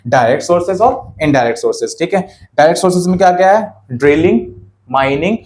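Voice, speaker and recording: A man's voice: on the high side, lively intonation, quick pace, a little mellow. A young male teacher giving a whiteboard lesson, firing rhetorical questions and having students repeat key terms after him.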